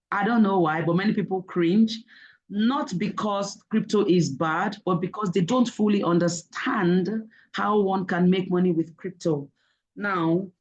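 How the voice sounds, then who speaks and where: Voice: mid-range voice, darkish tone, dull audio. An online webinar presenter talks the audience through a topic one step at a time. The delivery leans on check-ins like "okay?" and the odd filler, in an explanatory, teacherly way.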